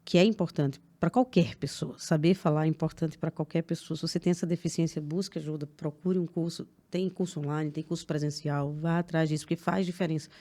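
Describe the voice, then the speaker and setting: A woman with a Brazilian accent hosting a casual podcast, telling stories with lively, acted-out dialogue. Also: low-pitched, brisk, hardly any pauses. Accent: Brazilian Portuguese. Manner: lively storyteller who acts out quoted dialogue. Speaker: podcast host, lawyer.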